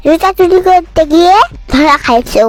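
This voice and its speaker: A small child from a comic cartoon speaks in an extremely high, squeaky voice at normal speed. Cheeky and bossy, the kid scolds and teases in an accusing way and mangles words, with music playing in the background.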